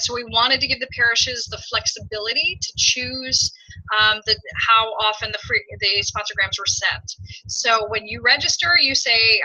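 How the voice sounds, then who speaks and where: A woman who works as a parish youth minister, explaining an app she built in a chatty webinar presentation with many pauses to say um. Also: on the high side, sharp tone, husky, rough recording.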